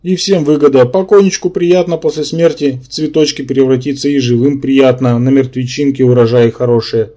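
A man's voice: mid-range voice, steady tone, mellow, natural voice. A man voicing a male brain-polyp symbiont who lectures and argues, in an audiobook. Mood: lecturing. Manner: lecturing, quick to take offence.

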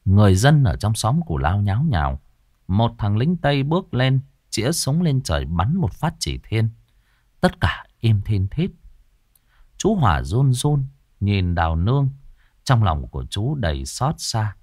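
Lively low-voiced male storyteller. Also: unhurried, no echo, clean studio sound. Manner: dramatic, expressive. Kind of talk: scripted ghost story narration.

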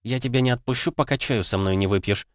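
A man voicing a cheerful, excitable young woman with a gushing, raised voice in an audiobook. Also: medium pitch, quick pace, dry recording, studio quality, voice pushed up, close to an everyday voice. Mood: playful gushing.

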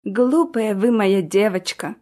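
A young prince from a storybook, worried and reproachful yet deeply caring, who talks slowly and earnestly, as a woman narrator puts him on. His lines stay close to the reader's own voice, with only a hint of sternness. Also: warm tone. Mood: tender.

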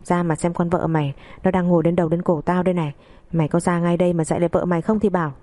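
A woman's voice: flat delivery, racing, dark tone, no room sound, close to an everyday voice. A woman voicing a spiteful, bullying older mother-in-law who scolds and abuses her daughter-in-law. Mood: scolding. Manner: shrill, scolding, abusive.

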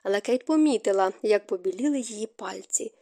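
Mellow-voiced woman narrating a novel. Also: mid-range voice, fairly quick. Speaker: audiobook narrator. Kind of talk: scripted narration of a romance novel.

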